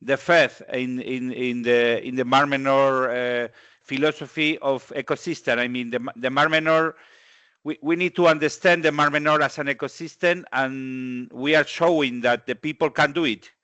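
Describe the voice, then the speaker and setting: Halting man with a crisp bright voice. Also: mid-range voice, steady tone, no room sound, dull audio. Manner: halting, searching for words, many repeats. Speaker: webinar speaker on a coastal lagoon's legal rights. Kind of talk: online webinar talk. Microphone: video call.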